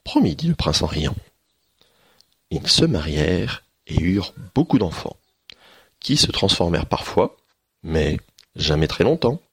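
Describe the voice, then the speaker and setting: Husky deep-voiced male storyteller. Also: measured pace, pauses often, dry recording. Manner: expressive storytelling. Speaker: schoolteacher. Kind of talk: reading a children's story aloud.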